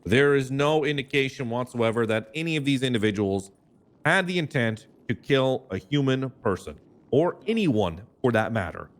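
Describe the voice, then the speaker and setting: A man speaks as a defense lawyer in a roleplay courtroom. He delivers a measured, formal closing argument. His voice sits at a middle pitch. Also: expressive.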